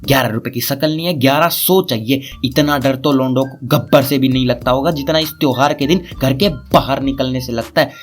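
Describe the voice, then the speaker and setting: A man's voice: medium pitch, a little fast, hardly any pauses. A young man telling a crude, sarcastic roast story as a comedy storyteller. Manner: sarcastic, cheeky, vulgar.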